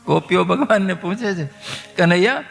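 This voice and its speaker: Emotive devotional storyteller, bright high voice. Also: male voice, normal speed, soft background music. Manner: emotive, exclaiming.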